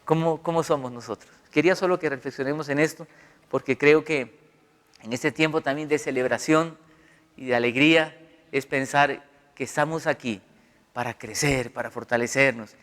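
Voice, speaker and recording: A man's voice: mid-range voice, normal speed. A middle-aged man, a pastor, giving a sermon in a conversational, storytelling way. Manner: conversational, animated storytelling with acted quotes. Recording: long hall reverb.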